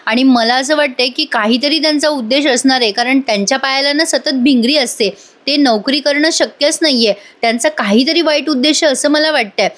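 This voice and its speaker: A woman voicing a kind, trusting young trainee doctor in a soft, reassuring way. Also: sits high, a little fast. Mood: gentle.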